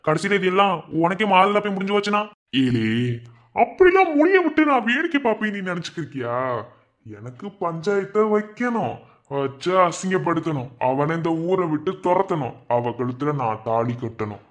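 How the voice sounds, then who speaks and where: Vengeful village schemer, menacing, slightly high voice. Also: male voice, sing-song, normal speed. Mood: scheming. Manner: menacing, confrontational. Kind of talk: TV serial acting.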